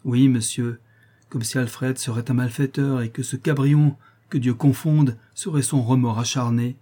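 A man voicing an excitable, doting old woman concierge who fusses in a shrill, fretful voice. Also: moderate pace, slightly rough. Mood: excited. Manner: shrill, fretful, fussing endearments.

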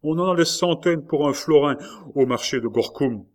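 A man reading the part of a gruff, blustering older jailer in an audiobook, with exclamatory lines. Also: a little high, normal speed, voice pushed up, lightly acted. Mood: scornful.

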